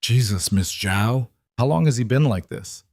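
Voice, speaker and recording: A man's voice: mid-range voice, lively intonation, moderate pace, a little mellow, dry recording, studio quality. A man voicing a weathered, kind ranch hand who speaks hesitantly and with concern.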